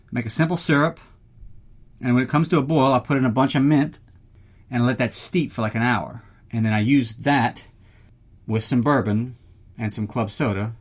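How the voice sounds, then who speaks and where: A man hosting a solo podcast in casual, rambling chat, self-deprecating, joking and prone to swearing, recorded inside a small closet. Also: mid-range voice.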